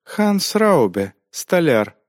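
A man's voice: on the high side, very animated, very slow, dry recording, studio quality, voice pushed up, exaggerated voice. A man voicing a frightened, shamefaced young village widow under interrogation, answering timidly. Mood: reluctant, ashamed.

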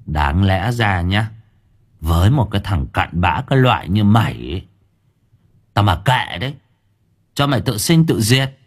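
Man doing a bossy young exorcist: low, husky, teasing and menacing. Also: big pitch swings, a little slow, pauses often, exaggerated voice. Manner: sweet-talking then threatening, teasing. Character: sly, domineering young male exorcist master.

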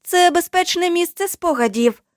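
A woman playing a calm, wry mystic guide. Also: extremely high pitch, normal speed, no room sound, clean studio sound, pitched above the performer's own voice.

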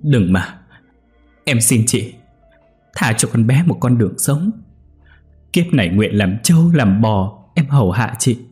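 A man's voice: mid-range voice, expressive, a little slow, pauses often, darkish tone, soft background music, close to an everyday voice. A man voicing a young mother and third wife who begs in tears for her baby. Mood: pleading. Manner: tearful begging.

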